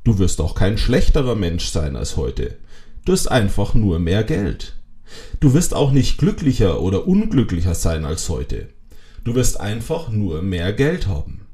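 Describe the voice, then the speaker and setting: Animated man narrating a motivational audiobook. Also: fairly low pitch, measured pace. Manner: emphatic, addresses the listener directly with wry asides; lively, strongly varied intonation. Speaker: self-help audiobook narrator.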